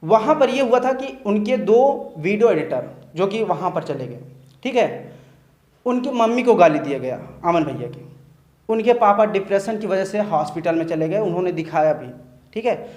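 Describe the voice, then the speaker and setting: A man's voice: high voice, lively intonation, moderate pace, darkish tone, echoey room. A man who is a teacher giving his earnest opinion in a discussion, often checking in with listeners as he talks. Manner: earnest, repeats "theek hai" as a check-in.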